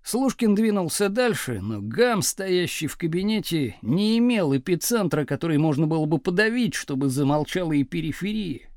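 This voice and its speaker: Expressive high-voiced male narrator. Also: moderate pace, hardly any pauses, no room sound, clean studio sound. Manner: expressive, dramatic storytelling. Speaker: audiobook narrator. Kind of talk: audiobook reading of a novel.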